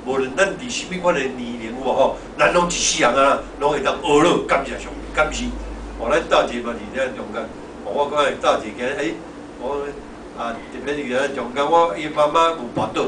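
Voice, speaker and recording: A man's voice: mid-range voice, fairly quick. A middle-aged or older male pastor with a Taiwanese Hokkien accent gives an informal, conversational sermon, exhorting and repeating his phrases. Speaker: pastor preaching. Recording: echoey hall, distant mic, noisy background.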